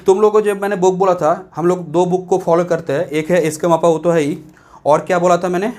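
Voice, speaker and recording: A man with a notably high voice gives a math lecture to students. He explains step by step and keeps checking whether they are following along. When he reads English passages from a textbook, he slows right down and reads them word by word. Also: steady tone, a little mellow. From India. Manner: explains step by step, checks understanding with repeated questions; reads English text from a book very slowly and word by word. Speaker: math teacher. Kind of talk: classroom lecture.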